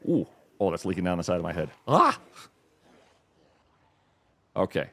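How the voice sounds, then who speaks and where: A man's voice: deep voice, steady tone, rapid-fire, mellow. A man streaming a game, giving live commentary in a dry, wry, self-deprecating mutter.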